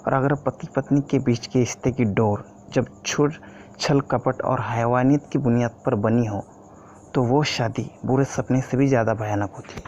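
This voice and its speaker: A man narrates a first-person story in a steady, earnest read. His voice is mellow and unhurried, on a dull lo-fi recording with a faint hiss underneath. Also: mid-range voice.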